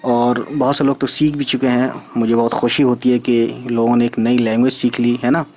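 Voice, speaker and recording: A man's voice: mid-range voice, flat delivery, a little mellow. A man teaching an Urdu reading lesson, patiently spelling out letters and checking in with his learners. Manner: patient, spells letters out slowly, often asks "right?".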